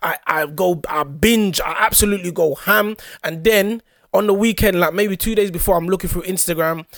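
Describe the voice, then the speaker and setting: A man's voice: sits high, moderate pace, gravelly, fairly bright tone, no echo, studio quality. A young man with a London roadman accent chatting casually as a podcast co-host, full of street slang and often checking that the listener follows. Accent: London roadman, multicultural urban slang. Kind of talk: casual chat.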